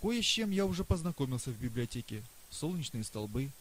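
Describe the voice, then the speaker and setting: A man voicing a boastful, excitable old male astronomer professor in an audiobook reading. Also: medium pitch, natural voice, rough recording. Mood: earnest. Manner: lively, boastful, rapid questioning. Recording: faint hiss.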